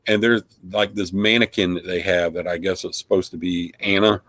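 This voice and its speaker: Man, lowish voice, dry close sound, rambling live stream host, lots of ums. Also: steady tone, normal speed, a bit bright, no room sound. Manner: rambling, filler-heavy, friendly. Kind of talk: casual live stream recap.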